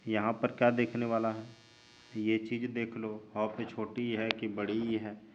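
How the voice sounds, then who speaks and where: A male teacher giving a spelling lesson, drawing out each word slowly and answering his own questions. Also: on the low side, completely flat delivery. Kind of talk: spelling lesson while writing on a board. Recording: dull lo-fi recording with mains hum.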